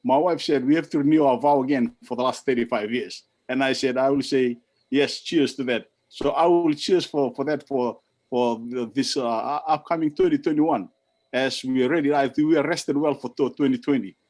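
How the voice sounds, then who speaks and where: An older man from Fiji giving a halting toast on a video call, with many fillers and restarts. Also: mid-range voice, a little mellow.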